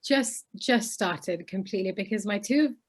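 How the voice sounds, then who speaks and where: A woman's voice: mid-range voice, measured pace, slightly rough. A woman in her twenties from Bangladesh, an interview guest speaking earnestly and articulately about her opinions. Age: 20s. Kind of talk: conversational interview.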